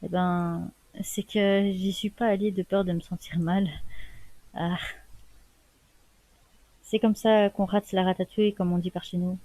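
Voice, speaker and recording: A woman voicing a chatty young woman who teases and drops folksy sayings, in a mellow voice. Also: mid-range voice, steady tone, measured pace, pauses often, dry recording, lightly acted, poor audio. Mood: teasing.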